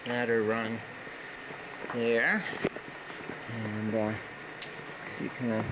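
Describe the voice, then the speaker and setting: A man's voice: medium pitch, level tone. Guy rambling through a cave tour, big cave echo, lots of uh's, noisy water behind. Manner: halting, many "uh" fillers. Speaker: urban explorer guiding a tour. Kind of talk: casual narration of an underground trip. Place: underground tunnel and cave. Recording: echoey cave with loud background noise. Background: running water.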